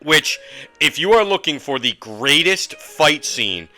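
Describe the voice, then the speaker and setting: A man's voice: fairly high pitch, very animated, slow pace, bright, forceful tone, faint music behind. A man giving a casual, rambling movie review rant with lots of fillers and frank asides. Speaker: host.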